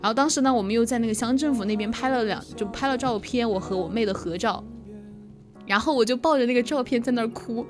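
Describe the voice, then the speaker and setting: A young woman co-hosting a casual chat stream, telling stories in a giggly, animated way with many restarts. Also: on the high side, fast talker. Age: young adult. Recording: music playing in the background.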